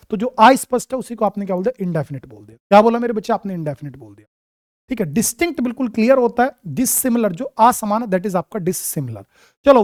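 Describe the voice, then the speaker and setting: A man's voice: high-pitched, a little mellow, no room sound. Affectionate man teaching vocabulary, dry sound. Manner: calls students "my child" and "darling", asks and answers his own questions; mixes English terms into quick Hindi explanations. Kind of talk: exam vocabulary lesson.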